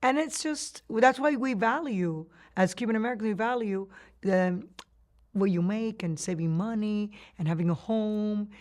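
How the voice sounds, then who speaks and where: In an oral history interview, a Cuban-born woman recalls her past. Her mid-range voice is slightly mellow and moves at a normal speed, and she tells her story reflectively with frequent restarts and laughter.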